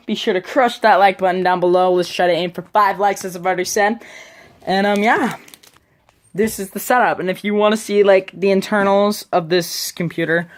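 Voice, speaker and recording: A casual vlogger rambling through a computer desk setup, filmed on a phone in a small room. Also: medium pitch. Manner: rambling, chatty, trails off mid-sentence. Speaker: channel host. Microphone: phone camera.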